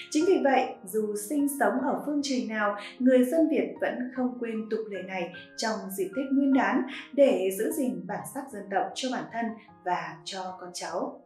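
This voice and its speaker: A woman giving scripted narration in an even, listing tone. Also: a little high. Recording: roomy echo with faint music.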